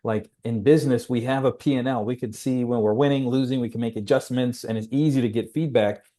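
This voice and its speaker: A man's voice: medium pitch, fairly even intonation, fairly quick, dark tone. A man in his forties, a podcast guest telling a personal story in a reflective, rambling way with frequent restarts. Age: 40s.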